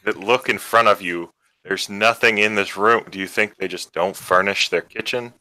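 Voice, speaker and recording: Low, forceful man bantering at a game. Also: fairly even intonation, moderate pace, dry recording, rough recording. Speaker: tabletop game player.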